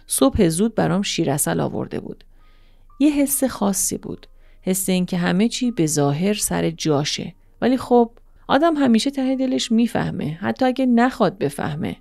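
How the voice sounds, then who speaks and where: A woman narrating a first-person story in a soft, emotional, intimate way. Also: mid-range voice, vocal fry, no echo. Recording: dry studio voice-over with soft music.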